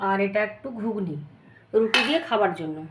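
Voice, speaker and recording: A woman, hoarse and stuffy from a cold, chatting through a daily home vlog. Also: animated, a little fast. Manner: chatty, talks to her dog in a high coaxing voice. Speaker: vlogger. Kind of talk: casual daily vlog narration. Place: home, indoors. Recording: echoey room with faint ambient noise.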